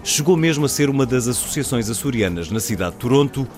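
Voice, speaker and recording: A man's voice: medium pitch, expressive, fast, darkish tone, faint music behind. A man narrating a scripted news report as a reporter.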